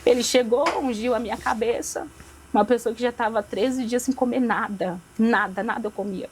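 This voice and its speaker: A woman's voice: a little high, steady tone, moderate pace, a little hiss or hum, poor audio. Emotional woman giving a repetitive testimony. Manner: repeats phrases for emphasis, acts out quoted dialogue. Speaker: podcast guest.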